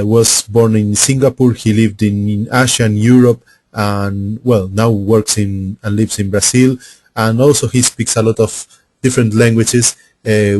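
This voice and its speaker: Brief: man, webinar host, low voice, dry close sound, halting delivery with fillers. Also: darkish tone, no echo. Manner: halting, with fillers and repeated starts. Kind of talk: introducing and moderating a webinar. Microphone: computer mic on an online call.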